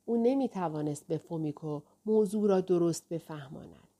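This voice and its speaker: Mellow-voiced woman reading a novel aloud. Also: on the low side. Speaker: audiobook narrator. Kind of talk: scripted narration.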